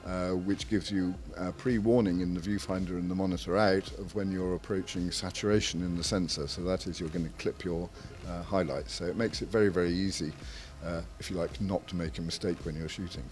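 A man talking through the technical features of a product in an interview, measured and filled with frequent pauses. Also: sits low, fairly even intonation, darkish tone. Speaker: camera maker's representative.

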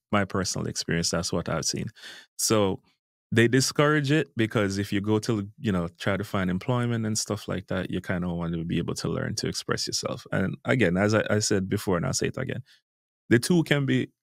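A man's voice: fairly low pitch, vocal fry, no room sound, clean studio sound. A Jamaican man with a Jamaican accent, earnestly explaining in a casual interview. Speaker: guest language educator.

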